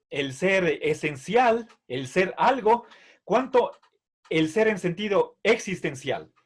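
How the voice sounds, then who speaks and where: A man teaching a philosophy class, explaining terms patiently with many fillers and checks for understanding. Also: high voice. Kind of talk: online philosophy lecture.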